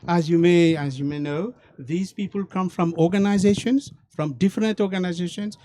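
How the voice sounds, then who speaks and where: A man's voice: sits high, normal speed, warm tone, a little hiss or hum. A man with a Mauritian accent co-hosting a panel debate, hesitant and repeating himself. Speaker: debate co-host.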